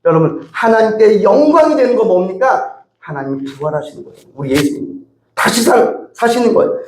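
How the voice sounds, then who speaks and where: A male pastor preaching a sermon, acting out prayers and pleas in an animated way. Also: high-pitched, fairly quick, roomy sound. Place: church sanctuary.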